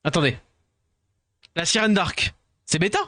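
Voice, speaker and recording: Tired French streamer, higher voice. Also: male voice, a little slow, sharp tone, no room sound, clean studio sound. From France. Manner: rambling, self-deprecating, mixes in English words. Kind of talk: casual chat with viewers.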